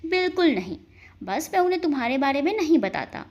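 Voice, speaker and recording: A calm, affectionate young husband who teases gently, as voiced by a woman narrator. The voice stays soft and tender, a touch lower than her narration. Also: brisk.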